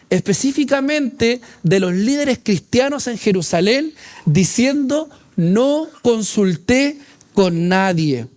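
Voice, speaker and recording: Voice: mid-range voice, darkish tone. A teacher giving a Bible class lecture, reading verses aloud and explaining them with rhetorical questions and frequent check-ins with the class.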